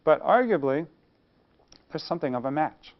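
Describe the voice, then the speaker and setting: A man's voice: a little high, expressive, moderate pace, dull audio. A man giving a university lecture on engineering, posing questions and answering them himself. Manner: rhetorical, poses questions then answers them.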